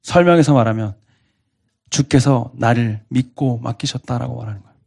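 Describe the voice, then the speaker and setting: Man, pastor, preaching a sermon; earnest and questioning, medium pitch. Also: moderate pace, gravelly, darkish tone. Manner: earnest, asks the congregation repeated questions.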